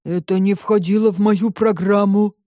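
Woman doing a slow stubborn ship robot. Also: medium pitch, dry recording, studio quality, lightly acted. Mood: plodding. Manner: slow, measured, flat report-like speech.

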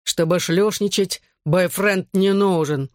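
Narrator putting on a drunk brutal dad in an audiobook, barking and slurring, dry close sound. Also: female voice, lowish voice, moderate pace, no echo, close to an everyday voice. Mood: drunk, furious. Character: drunk violent middle-aged father.

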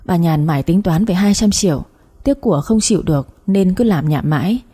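Một người phụ nữ đọc truyện audio với nhịp kể đều đặn. Giọng khàn nhẹ, trầm tối, cao độ hơi thấp. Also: female voice, on the low side, a little fast, husky. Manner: steady storytelling. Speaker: story narrator. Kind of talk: audiobook narration.

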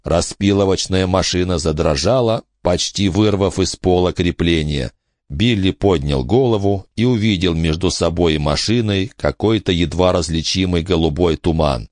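A man narrating an audiobook in an expressive, dramatic storytelling manner. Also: low voice, normal speed, no echo, clean studio sound. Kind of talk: scripted narration.

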